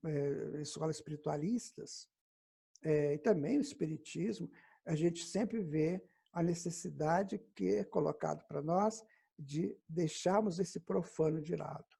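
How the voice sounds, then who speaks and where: A Brazilian man delivers a spiritual lecture in a low, mellow voice with a gravelly edge. His tone is a little husky and breathy. He tells his stories with animation and keeps turning to his listeners. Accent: Brazilian Portuguese. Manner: animated storytelling, addressing the audience directly.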